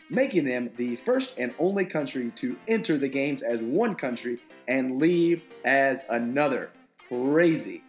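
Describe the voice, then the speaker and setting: A man hosting a podcast, delivering introductions and fun-fact segments in a casual announcing style. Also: medium pitch. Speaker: podcast host.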